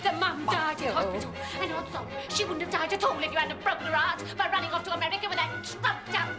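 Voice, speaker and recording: A woman's voice: extremely high pitch, expressive, fast talker, loud music behind the voice, over a noisy crowd. A British woman playing an indignant, outspoken lady's maid in a film comedy-drama, scolding and emphatic. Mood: furious, scornful.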